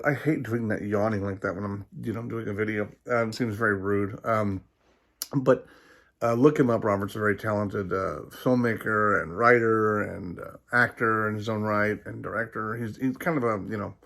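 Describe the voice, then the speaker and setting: A man's voice: lowish voice, steady tone, normal speed, creaky, a bit bright. A man hosting a casual vlog, rambling along with many ums and restarts. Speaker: host.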